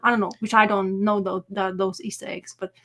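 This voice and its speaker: A woman co-hosting a casual chat show, talking in an animated way that trails off and restarts mid-sentence. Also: medium pitch, brisk. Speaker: podcast co-host.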